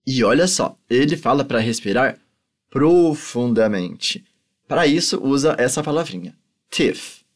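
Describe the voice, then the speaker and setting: A male language teacher with a native Portuguese background, who talks at an unhurried, deliberate pace. His pitch moves around a lot as he explains, and he patiently drills each phrase slowly for the listener to repeat. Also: lively intonation. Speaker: German teacher. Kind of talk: language lesson.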